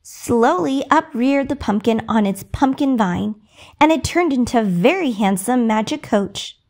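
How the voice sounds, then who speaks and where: Woman reading a bedtime story, slow, soft, slightly high voice. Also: lively intonation.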